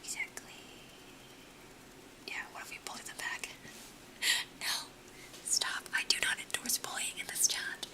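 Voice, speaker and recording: Close to the mic and slightly sniffly, a young woman with an American accent whispers softly throughout as an ASMR streamer chatting with her live stream viewers. She talks casually at a measured pace with long pauses, laughing often.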